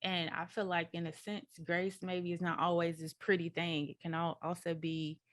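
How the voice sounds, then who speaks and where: Podcast cohost woman, lowish voice, thinks out loud with examples, dry sound. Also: flat delivery, normal speed, no room sound. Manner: reflective, explains with everyday examples. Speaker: podcast co-host. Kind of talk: casual podcast chat.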